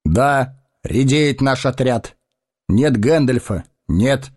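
A man's voice: medium pitch, animated, slow, a little mellow, husky. An actor playing a noble warrior and heir to a throne who speaks solemnly and declaims his lines. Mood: grave. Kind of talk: audio drama acting.

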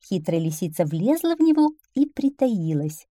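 Expressive woman reading a children's tale. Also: fairly low pitch, normal speed, no echo, clean studio sound. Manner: expressive, animated storytelling. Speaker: storyteller.

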